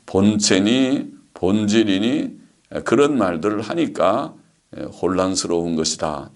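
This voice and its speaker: A man's voice: fairly low pitch, vocal fry. A man, a pastor, giving a theology lecture, reading passages aloud and then explaining them with frequent fillers.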